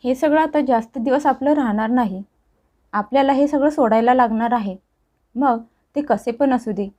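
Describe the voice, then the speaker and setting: A woman's voice: fairly high pitch, moderate pace, warm tone, lightly acted. Troubled young husband, read by a woman. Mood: tense pleading. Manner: tense, pleading, defensive. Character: young married man, troubled and pressured son.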